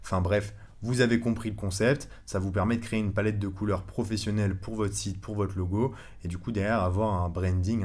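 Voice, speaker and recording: A man giving a casual screen-recorded tutorial, chatty and relaxed, with many fillers and self-corrections. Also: lowish voice. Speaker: online course instructor.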